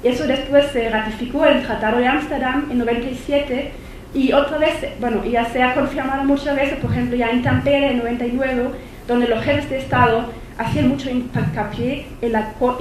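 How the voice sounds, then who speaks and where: Brisk and steady, a woman with a voice on the high side and a darkish tone lectures at an academic university conference. She's a visiting lecturer and non-native speaker with a German accent, hesitant and full of fillers and restarts, recorded in an echoey lecture hall with faint noise.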